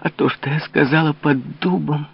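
A man reading an audiobook, voicing an anguished young woman who pleads in a high, trembling, breathy voice. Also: steady tone, fast, recorded from a distance. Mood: desperate. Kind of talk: audiobook character voice. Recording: dull lo-fi recording.

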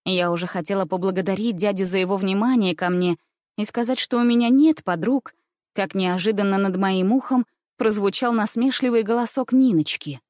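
A woman giving a measured, expressive first-person reading of a children's story. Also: mid-range voice, dry recording, studio quality. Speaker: reader.

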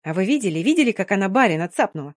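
A woman's voice: medium pitch, big pitch swings, racing, no room sound, clean studio sound. A woman voicing a cheeky young Roma girl who tells her story while choking back laughter, in an audiobook. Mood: amused.

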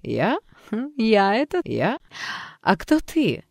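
An audiobook reader voicing a mocking, unhinged female alter ego who talks in a hoarse, hissing, capricious way. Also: medium pitch, wildly swooping pitch, slow pace, darkish tone, no echo, clean studio sound, voice pushed up, heavily acted. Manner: taunting, capricious, cheeky. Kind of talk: audiobook character voice.

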